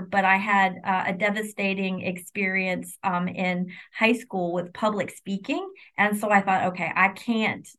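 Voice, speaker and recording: A middle-aged woman from Illinois talks through her story as an interview guest. Her voice sits at a middle pitch, and her manner is reflective and candid, with frequent small restarts. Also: fairly bright tone. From Illinois, United States. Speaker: university vice president and general counsel, guest. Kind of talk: conversational interview.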